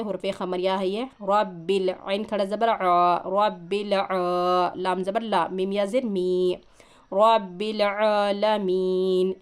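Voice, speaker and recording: A woman teaching Quran reading, spelling out letters and vowel marks one by one, then chanting the joined words slowly, with patient explanations in between. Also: mid-range voice. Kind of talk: slow syllable-by-syllable recitation lesson.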